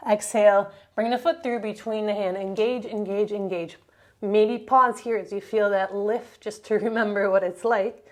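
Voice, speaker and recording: A woman teaching a yoga class, giving calm step-by-step cues for breath and movement. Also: mid-range voice, moderate pace. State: slightly out of breath at times. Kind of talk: guided yoga class instruction.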